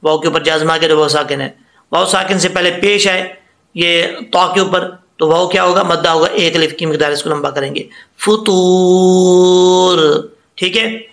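Guy teaching tajweed, high gravelly voice, stretches out example words slowly, echoey room. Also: bright, forceful tone. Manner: patient, explains letter by letter, drawn-out demonstration words. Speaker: Quran recitation teacher. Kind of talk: tajweed lesson.

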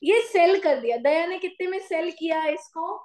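A woman commerce teacher giving a classroom lecture with an Indian accent, slowly dictating notes and asking her students questions. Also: very high voice, lively intonation, darkish tone, roomy sound, low-quality recording. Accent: Indian English mixed with Hindi.

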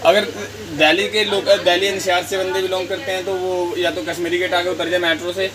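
A man, a shopkeeper briskly and matter-of-factly showing goods and quoting prices in a sales pitch. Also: flat delivery, a crowd in the background, rough recording. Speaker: wholesale bangle shopkeeper. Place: small indoor shop lined with shelves. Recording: clear ambient noise of a shop.

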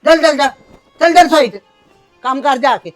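Actress as a harsh, commanding mother-in-law, high-pitched, barking orders, faint music behind. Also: normal speed, natural voice, rough recording. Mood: threatening. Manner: scolding, commanding, threatening. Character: harsh scolding middle-aged mother-in-law. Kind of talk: family drama acting.

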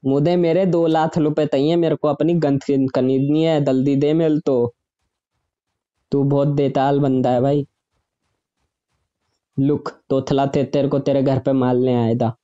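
A man's voice: mid-range voice, little pitch movement, unhurried, pauses often, mellow, dull audio, lightly acted. A man putting on a lisping baby-talk voice as a boastful, teasing boy during a game stream. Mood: demanding. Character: lisping baby-talk boy bragging about his gun.

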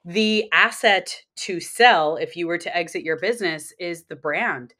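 A woman's voice: on the low side, unhurried, sharp tone. A woman guest on a podcast, an accountant and financial coach, explaining money matters steadily and building her points in lists. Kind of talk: podcast interview conversation.

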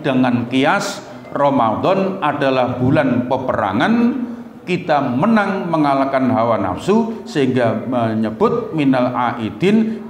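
A middle-aged man with a Javanese accent giving a humorous mosque sermon, telling stories lively and jumping to high excited voices when quoting. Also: a little hiss or hum. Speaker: Islamic preacher and lecturer. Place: large mosque hall. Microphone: stand mic at lectern. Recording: echoey mosque hall, faint ambience.

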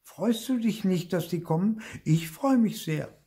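An older man reading aloud, voicing an excitable, insistent little girl in a storybook. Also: measured pace. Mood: wondering. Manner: shrill, wide-eyed and insistent.

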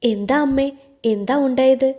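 A woman's voice: sits high, fairly even intonation, moderate pace, dark tone, lightly acted. A woman voicing a caring young woman who asks anxious, concerned questions, within a storybook narration. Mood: worried.

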